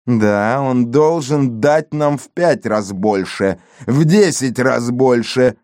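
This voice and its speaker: A man's voice: mid-range voice, slow, a little mellow, no room sound, clean studio sound, lightly acted. A man voicing a pompous, hot-tempered male police chief in a storybook reading. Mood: sarcastic. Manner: indignant, blustering.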